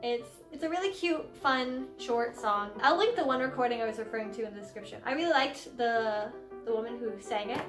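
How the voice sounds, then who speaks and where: A young woman singer explaining a song in a casual lesson, animated and giggly, acting out lines dramatically. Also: fairly high pitch, fairly quick. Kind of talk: casual music lesson vlog. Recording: echoey room with soft piano music.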